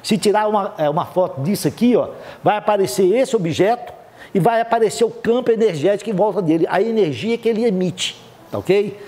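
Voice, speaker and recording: A man's voice: sits high, a little fast, mellow. A man lecturing a live audience at a spiritist seminar, explaining step by step and checking in with listeners often. He speaks with a Brazilian Portuguese accent.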